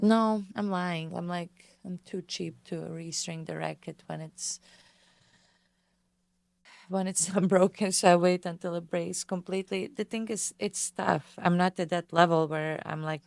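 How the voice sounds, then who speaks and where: A woman from Bosnia and Herzegovina, a tennis pro who hosts a podcast, answers questions on her own in a casual, chatty way, packing her speech with fillers. Her voice is low, with vocal fry.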